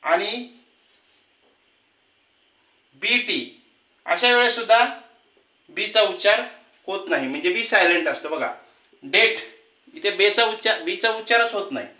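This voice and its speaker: A man teaching a lesson to students, patiently explaining rules and repeating example words slowly. His first language is Marathi. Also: high-pitched, sharp tone. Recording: roomy, slightly distant, dull sound.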